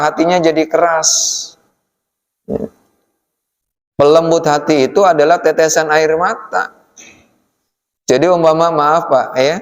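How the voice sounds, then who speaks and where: A man giving a relaxed study-circle sermon in a mosque, speaking with a tinge, often tagging his lines with "ya" and addressing the men as "Pak". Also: fairly high pitch. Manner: folksy, addresses the audience as "Pak", frequent "ya" tags. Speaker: preacher. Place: mosque hall. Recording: long hall reverb from a mosque.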